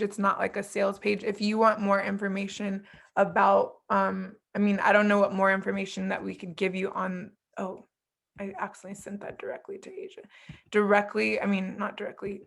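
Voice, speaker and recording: A woman coach talks through a video call with a gravelly edge to her voice. She is chatty and informal, loosely inviting listeners to speak up. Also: medium pitch, level tone, moderate pace. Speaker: coach hosting an orientation call. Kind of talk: casual video call talk.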